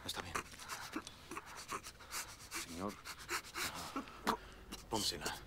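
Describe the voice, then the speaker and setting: A man's voice: deep voice, steady tone, drawn-out words, very noisy. An actor voicing a soldier giving urgent orders while treating a wounded man in a dubbed war film. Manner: urgent, commanding.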